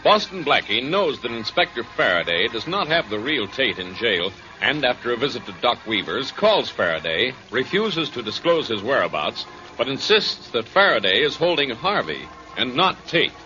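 A man's voice: medium pitch, very animated, normal speed, pushed and bright, faint music behind. Old radio show announcer, a man. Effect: old radio show broadcast sound. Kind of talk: old-time radio drama narration. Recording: dull lo-fi vintage radio recording.

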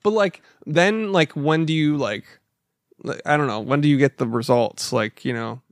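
A young man with a higher-pitched, gravelly voice chats in a loose frat-bro way. He swings lively through crude jokes and acted-out mock dialogue, recorded close and dry. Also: normal speed, dry recording. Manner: crude, jokey frat-bro talk with slangy swearing. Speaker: podcast co-host. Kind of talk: casual banter about a film.

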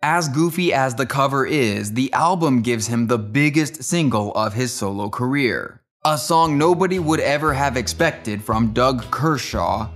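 A man's voice: medium pitch, expressive, a little slow, hardly any pauses, fairly bright tone. Man narrating with dry wit. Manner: dry, wry asides. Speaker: music history narrator. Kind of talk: scripted narration.

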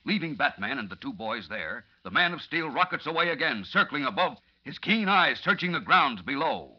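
A man's voice: fairly high pitch, big pitch swings, normal speed. An American man narrating a 1940s radio serial as an old-time announcer, with a theatrical, urgent, suspense-building delivery. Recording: dull, lo-fi vintage radio recording.

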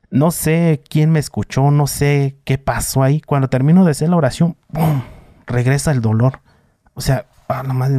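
Mexican man, twenties, mellow low-toned voice, dry close sound, rambling storyteller with lots of "este". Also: dry recording. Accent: Mexican Spanish. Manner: many fillers, vivid retelling. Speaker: guest. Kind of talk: casual storytelling.

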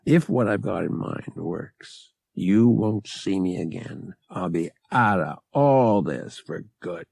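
A man's voice: deep voice, lively intonation, slow pace, vocal fry, darkish tone, slightly rough, dry recording, exaggerated voice. A man playing Han, a blunt young smuggler. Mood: hard-nosed. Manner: blunt, clipped bargaining. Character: cocky young male smuggler, blunt and hard-nosed.

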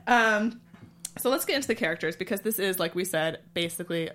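A woman hosting a casual chat, talking quickly and laughing often. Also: fairly low pitch, expressive, fairly bright tone. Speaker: podcast host.

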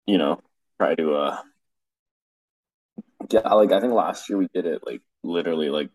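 A man's voice: low-pitched, normal speed, a little mellow, no echo, low-quality recording. A young man hosting a sports podcast in a casual, chatty style. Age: young adult. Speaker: podcast host.

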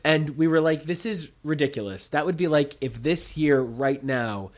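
A man co-hosting a podcast, chatting casually in an animated, jokey way with quick rants. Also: fairly high pitch. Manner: animated, ranting, jokey asides. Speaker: podcast co-host. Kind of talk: casual chat.

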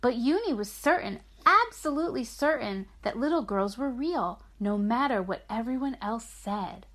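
Higher-voiced woman narrating a children's sleep story. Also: animated, moderate pace, a bit bright. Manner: simple explanations and encouragement for a young child. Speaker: mother reading a picture book aloud, host. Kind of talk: gentle sleep story narration and chat with her small child.

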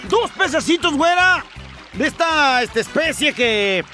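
Animated Mexican joke-telling radio host. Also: male voice, extremely high pitch, a little slow. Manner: animated storyteller, acts out quotes. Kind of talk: telling jokes on air. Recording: loud music bed behind voice.

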